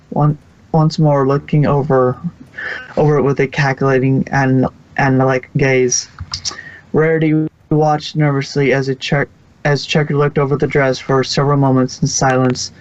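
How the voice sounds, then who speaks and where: In a slightly muffled recording, a mid-range, darkish-toned male voice reads a fan fiction story aloud as its narrator, occasionally stumbling and rereading words.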